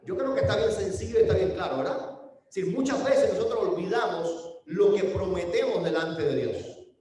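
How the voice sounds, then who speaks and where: A man's voice: high-pitched, lively intonation, moderate pace, warm tone. A man with a Mexican accent preaching a sermon as pastor, chatty and often asking the congregation questions. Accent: Mexican Spanish. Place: church sanctuary. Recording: very echoey hall from far off.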